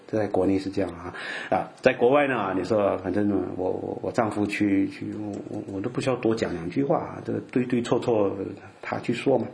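Low, gravelly-voiced man preaching. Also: darkish tone. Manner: repeats words, frequent 'ah' fillers, asks listeners OK. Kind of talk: sermon.

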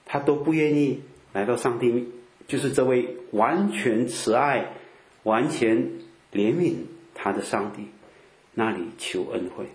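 A man preaching in a relaxed, conversational way, filling his talk with drawn-out "ah" sounds and rhetorical questions. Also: mid-range voice, echoey room. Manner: chatty, peppers speech with drawn-out "ah" fillers and rhetorical questions. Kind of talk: conversational Bible teaching.

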